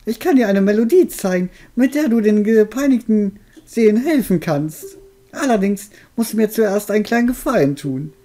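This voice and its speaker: An old video game witch, acted out by a man, speaks in a raised, high voice. She is amused and helpful, with deliberate delivery. Music plays behind her. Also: animated, dark tone.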